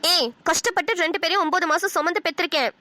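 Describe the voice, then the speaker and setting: A woman's voice: extremely high pitch, fast talker, pushed and bright, dry recording. Woman putting on a stern older mother-in-law. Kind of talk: cartoon voice acting.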